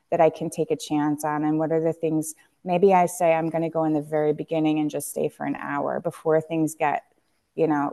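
A woman with a deep, low voice talks candidly on a podcast. She reflects as she speaks, pausing on fillers and restarting her sentences. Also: warm tone. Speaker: guest, tea company founder.

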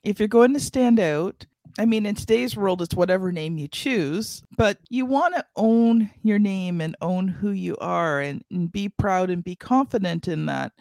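A woman hosting a podcast interview in casual chat, her voice low, deep and a bit rough today. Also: a little slow, darkish tone, dry recording. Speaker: podcast host.

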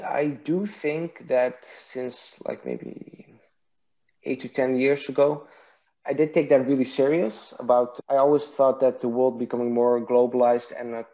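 Mellow-voiced man from Iraq. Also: mid-range voice, dull audio. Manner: thoughtful, hesitant, many restarts and fillers. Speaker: guest, partnerships and marketing executive. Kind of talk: casual interview answers.

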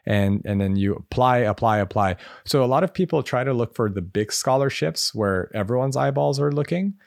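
Animated and medium-pitched with some vocal fry, an American man from the United States answers interview questions as a medical school admissions advisor. He talks at a moderate pace, conversationally and with many fillers, in studio-quality audio without echo.

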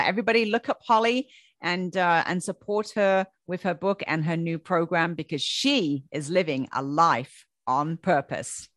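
A woman's voice: fairly low pitch, no echo, clean studio sound. A woman hosting a podcast interview, chatty and full of praise, with many fillers. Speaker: podcast host. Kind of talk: casual interview chat.

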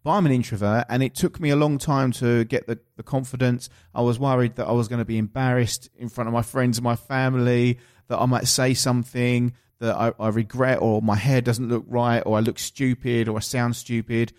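A man's voice: medium pitch, level tone, fairly quick, hardly any pauses, darkish tone. Essex man hosting a podcast, emphatic and encouraging. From England. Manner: emphatic, encouraging, direct address to listeners. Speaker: podcast host and coach. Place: office studio.

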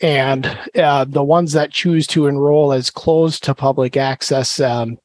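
A man's voice: medium pitch, fairly even intonation, unhurried. A man being interviewed as a program specialist, explaining details in a matter-of-fact, precise way.

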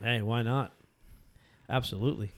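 A man co-hosts a relaxed podcast chat, asking questions and joking around. He talks at an ordinary pitch and laughs readily. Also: normal speed. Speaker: podcast co-host. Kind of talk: casual conversation.

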